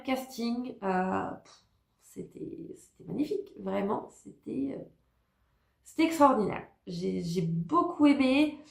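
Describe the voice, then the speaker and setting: A woman's voice: a little high, gravelly, roomy sound. A woman giving a casual spoken review as a vlogger, hesitant, with many fillers and restarts. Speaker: YouTuber reviewing a TV talent show.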